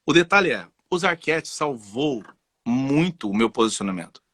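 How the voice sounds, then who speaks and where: A man with a Brazilian Portuguese accent, a guest and voice specialist, talking in a casual, animated way and telling personal stories. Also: mid-range voice, moderate pace, no room sound, clean studio sound. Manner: animated, personal storytelling with frequent "entendeu?". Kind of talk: casual conversational interview.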